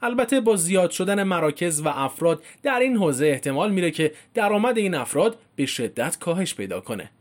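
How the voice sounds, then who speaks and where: A man's voice: high-pitched, very animated, few pauses. A man reading a formal informational script as a narrator, with casual spoken word endings.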